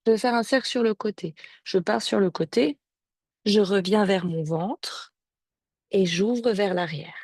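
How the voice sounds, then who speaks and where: A woman leads a yoga class, calling out each movement and breath in a calm, step-by-step way. She speaks slowly and without hurry, her voice at an ordinary middle pitch. The sound is dry and close, as through a video call microphone. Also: no echo. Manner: calm, slow step-by-step instructions with breath counts. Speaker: yoga teacher. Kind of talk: guided yoga class cues. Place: home or studio, streamed on a video call.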